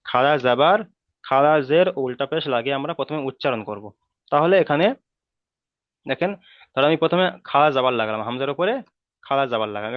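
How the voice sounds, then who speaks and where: স্পষ্ট কণ্ঠের পুরুষ শিক্ষক, অনলাইন ক্লাসে. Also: male voice, medium pitch, smooth, dry recording. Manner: patient, repeats rules and drills letters slowly. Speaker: Quran reading teacher. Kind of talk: online class instruction. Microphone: video call. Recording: tinny phone-like online call audio.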